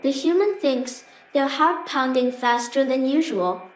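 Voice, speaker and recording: A woman's voice: sits high, measured pace, recorded from a distance. A woman reading scripted narration for a fantasy story as the narrator. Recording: roomy echo, faint background noise.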